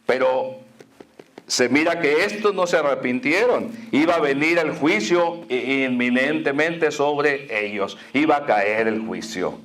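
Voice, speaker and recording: A pastor delivering an impassioned sermon, repeating his phrases, asking rhetorical questions, and swinging between raised exclamations and hushed low asides. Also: animated, measured pace.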